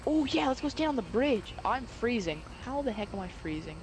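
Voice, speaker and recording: High-pitched young dude yelping through a game chat, noisy mic. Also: male voice, a little fast. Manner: excitable, yelps and repeats himself. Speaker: game player. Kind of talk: casual gaming chat. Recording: noisy background.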